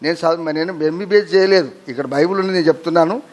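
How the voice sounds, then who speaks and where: A male pastor with a Telugu accent, preaching an animated sermon, acting out a crying baby and frail old people and calling out hallelujah. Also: on the high side, very fast.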